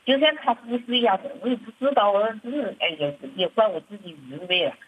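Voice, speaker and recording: Middle-aged churchwoman, plaintive and hesitant, breathy voice, muffled sound. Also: medium pitch, animated, quick pace. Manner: hesitant, repeats words and restarts, plaintive. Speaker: church member sharing her troubles. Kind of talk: halting personal account. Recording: muffled lo-fi recording.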